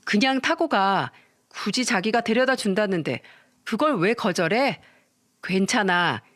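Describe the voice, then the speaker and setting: A woman's voice: medium pitch, expressive, unhurried, fairly bright tone. A smug older sister drawls her scorn, as a woman narrator does her. Every word sounds dismissive and superior. It is an acted story for online radio.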